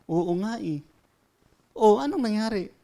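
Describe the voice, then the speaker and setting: A man voicing an excited small child gossiping with other children, in a high, bouncy voice. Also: measured pace, gravelly, heavily acted. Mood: worried. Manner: excited, high-pitched storytelling. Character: chatty small child telling tales.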